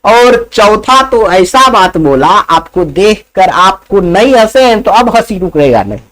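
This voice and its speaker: Male teacher with a Bihari Hindi accent, high-pitched and slow, telling a class a story with playful chuckles. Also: very animated, fairly bright tone, low-quality recording. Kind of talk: storytelling lesson for school students.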